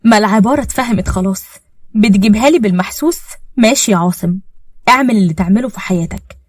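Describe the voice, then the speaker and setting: A bitter, wounded young wife , put on by a woman narrator, who hits back with sharp reproaches in a quick Egyptian voice. Every line comes fast and dry, close to the mic, with no room sound around it. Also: mid-range voice, dry recording, close to an everyday voice.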